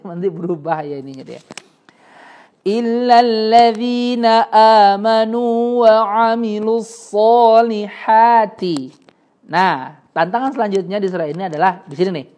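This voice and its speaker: A man teaching Quran recitation in a casual, chatty way, slowly sounding out Arabic letters and laughing often between explanations. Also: high voice. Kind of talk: casual tajwid lesson.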